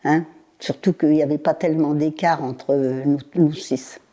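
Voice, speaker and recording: A woman in her nineties, recalling her childhood in an interview, speaking haltingly with pauses and repeated words. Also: sits low, steady tone, mellow. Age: 90s.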